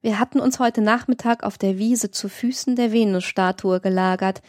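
A woman narrating a classic novel as an audiobook, expressive and theatrical. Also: mid-range voice, normal speed, no room sound, studio quality. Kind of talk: scripted literary audiobook reading.

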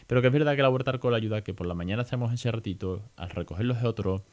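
A man with a Spain accent hosting a podcast, talking in a lively, chatty way and mixing in English phrases. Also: mid-range voice, very fast. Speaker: podcast host. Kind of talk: casual podcast monologue.

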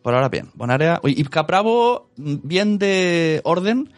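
Lively-pitched chatty man. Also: measured pace, no room sound. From Spain. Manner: animated storytelling, acts out quotes. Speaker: co-host. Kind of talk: casual chat.

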